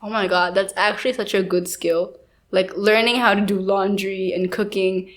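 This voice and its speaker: A young woman from India co-hosting a casual podcast. Her voice sits in a middle range. She talks in a chatty, relaxed way and often says "like.". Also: mid-range voice, moderate pace. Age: young adult. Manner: chatty, lots of "like" and "I feel like". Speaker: podcast co-host.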